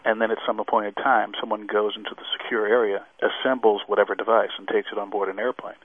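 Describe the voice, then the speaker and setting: A man's voice: on the low side, level tone, fast, breathy edge, no echo. A man giving expert commentary as a radio interview guest, explaining formally with examples over a narrow phone-like line. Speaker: airline safety expert guest. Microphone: remote line into radio show.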